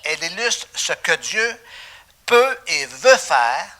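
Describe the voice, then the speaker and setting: A man with a Québécois French accent preaching a sermon as pastor, animated, with frequent fillers and restarts. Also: a little high, takes it slowly. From Canada. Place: church.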